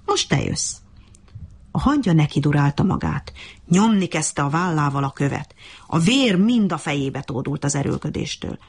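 A woman reading a children's animal story aloud in an expressive, lively way. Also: sits low, husky. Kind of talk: storybook narration.

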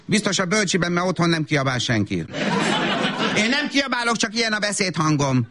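A man's voice: sing-song, heavy background noise. A man playing a frazzled young mother. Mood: scolding. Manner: sing-song baby talk flipping to shrill scolding. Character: frazzled self-absorbed young mother scolding toddler. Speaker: comedian. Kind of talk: comedy sketch monologue.

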